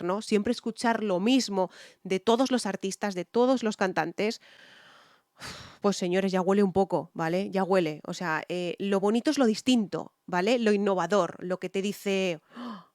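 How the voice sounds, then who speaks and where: A woman from Spain with a Spanish accent chats through her reaction to songs, full of fillers and now and then breaking into a hummed bit of melody. Her voice sits at an ordinary middle pitch. The recording is close and dry, with no room sound. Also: unhurried, a little mellow, no echo. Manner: chatty, many fillers, hums snatches of melody. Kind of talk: casual reaction commentary.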